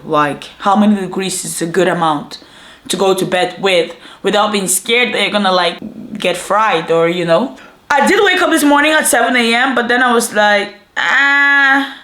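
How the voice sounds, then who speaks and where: This is a casual vlog: a young student talks to camera indoors in her apartment, meandering and full of filler words. She has a mid-range female voice, and the room is echoey.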